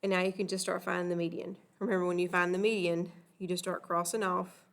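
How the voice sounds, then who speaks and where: A woman's voice: on the low side, little pitch movement, fast. A woman teaching a recorded math lesson, patiently walking through examples and checking in with "okay?".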